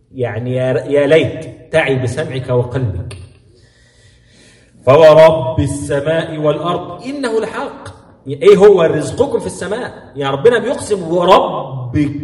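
Egyptian preacher in an echoey hall. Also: male voice, medium pitch. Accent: Egyptian Arabic. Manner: lively and conversational, asks the audience questions. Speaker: Islamic preacher giving Quran commentary. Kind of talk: religious lesson, classical Arabic mixed with colloquial. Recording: echoey hall, mic at a distance.

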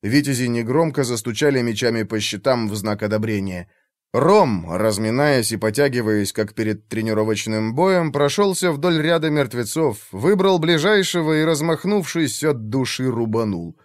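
A man narrating a fantasy audiobook in a steady, expressive storytelling manner. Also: medium pitch, normal speed, no room sound, studio quality.

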